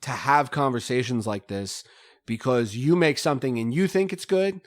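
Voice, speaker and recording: A man's voice: mid-range voice, normal speed, no room sound. A middle-aged man, a podcast guest, telling stories in a rambling way full of fillers and laughs. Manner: rambling, filler-heavy storytelling with frequent laughs. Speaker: podcast guest, rapper and author. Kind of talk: casual conversation.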